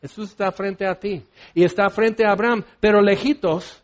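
A man preaching a sermon in a fairly high voice. He keeps putting questions to his listeners and tells stories with lively energy. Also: moderate pace.

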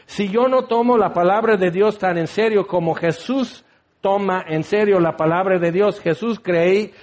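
High-voiced man preaching a sermon. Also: a little mellow. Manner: dramatic, acts out quoted scripture voices. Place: tent.

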